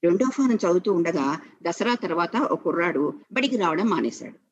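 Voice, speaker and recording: A man narrating a story slowly and with feeling, in a muffled lo-fi recording. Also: high voice, lively intonation, slightly rough, dry recording. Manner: slow and measured, with emotional emphasis.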